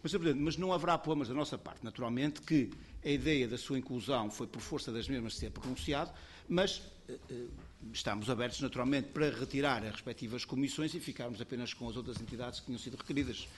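A man with a European Portuguese accent explains his position in a parliamentary committee. He repeats his points and takes a conciliatory tone. Faint noise sits behind his middle-pitched voice. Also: fast talker. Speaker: member of parliament. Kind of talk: committee debate.

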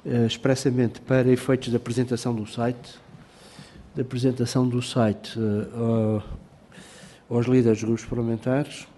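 A man's voice: mid-range voice, warm tone, a little hiss or hum. Hesitant man with a European Portuguese accent chairing a meeting. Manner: halting, many filler sounds and restarts, formal phrasing. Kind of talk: formal meeting address.

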